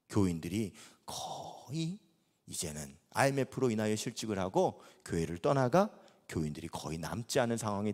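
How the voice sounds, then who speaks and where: A middle-aged man preaching a sermon at a revival meeting, telling a story dramatically and acting out the dialogue. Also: mid-range voice. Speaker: pastor. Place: church sanctuary. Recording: long reverb in a large church hall.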